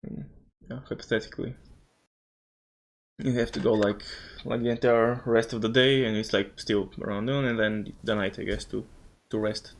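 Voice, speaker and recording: A man running a tabletop game, talking haltingly with many restarts and frequent laughs. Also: fairly low pitch, steady tone. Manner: halting, full of fillers and restarts, laughs often. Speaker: game master.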